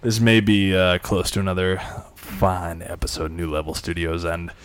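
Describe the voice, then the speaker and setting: A man with a very low voice hosts a casual podcast among friends. He jokes crudely and rambles through his thank-yous. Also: flat delivery, moderate pace, clear, resonant tone, dry recording. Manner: joking, crude, rambling sign-off. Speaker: podcast host.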